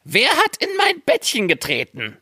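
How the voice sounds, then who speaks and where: A man voicing a group of little male dwarfs in a storybook reading, with a high squeaky voice. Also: wildly swooping pitch, unhurried, bright, forceful tone, slightly rough, no echo, studio quality, full character voice. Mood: puzzled.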